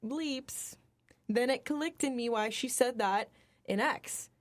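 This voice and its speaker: Animated young woman co-host, dry close sound. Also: a little high, a little slow, no room sound. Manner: animated, acts out her own reactions. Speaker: co-host of a college radio film show. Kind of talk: casual film review chat.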